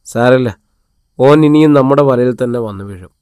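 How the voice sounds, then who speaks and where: A man's voice: mid-range voice, moderate pace, darkish tone, clear, resonant tone, no echo, clean studio sound, close to an everyday voice. A man reading a fierce, protective young village leader. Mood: steady.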